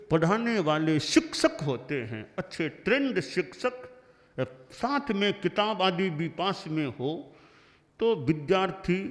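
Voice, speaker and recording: Older male spiritual teacher, sermon delivery: unhurried, high and animated pitch, long hall echo. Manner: slow, measured teaching with examples and pauses. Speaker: Jain acharya giving a discourse.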